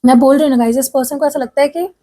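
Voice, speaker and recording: A woman reads tarot in a casual chat with her viewers, keeping her voice high but soft and mellow. She slips English phrases into her talk and keeps checking in with her listeners. Her throat is sore as she speaks. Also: steady tone, rapid-fire. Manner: chatty, addresses viewers as "guys", frequent "theek hai?"; mixes English phrases into Hindi speech. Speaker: tarot reader.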